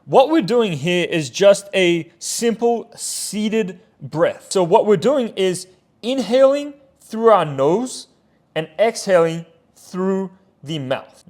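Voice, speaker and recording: A man with a notably high voice talks through training drills as a coaching voice-over. His tone is explanatory, and he often pauses to check in with a quick "right?" or "okay?". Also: lively intonation, darkish tone. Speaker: pitching coach and channel host. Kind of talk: instructional voice-over.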